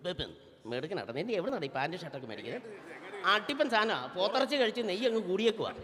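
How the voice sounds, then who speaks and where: A man's voice: high-pitched, very animated, very fast. A man playing a brash, teasing middle-aged auntie, bossing the crowd around as a stage comedian and emcee. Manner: loud, bossy, teasing, calls people up to the stage. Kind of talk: live stage comedy with audience banter. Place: convention hall stage. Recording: reverberant convention hall PA.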